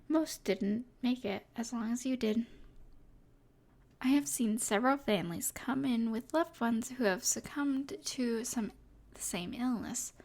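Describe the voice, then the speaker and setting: Here a woman takes on the part of a wicked sorceress for close-up ASMR, sounding smug and teasing with a breathy, lofty, enigmatic air. She pitches her voice fairly high and carries a wry, frank mood.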